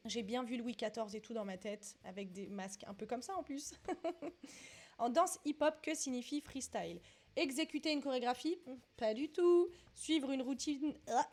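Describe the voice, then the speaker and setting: Chatty young woman thinking aloud. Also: a little high. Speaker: vlogger doing a dance quiz. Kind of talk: casual quiz commentary.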